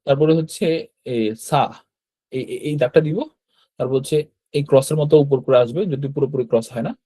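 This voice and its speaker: A man teaching an online lesson on writing characters step by step. He talks patiently, repeats each stroke, and often checks in with a quick "yes". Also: mid-range voice, steady tone, mellow. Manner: patient, repeats steps, frequent "hyaan" checks. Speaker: Japanese language teacher. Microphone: computer mic while drawing with a mouse.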